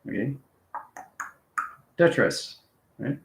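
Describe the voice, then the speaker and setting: Teaching viewers in an informal live online lesson, a man speaks extremely slowly at medium pitch, with big pitch swings and vocal fry. He repeats himself and keeps checking in with "okay" and "right." The room sounds roomy and echoing.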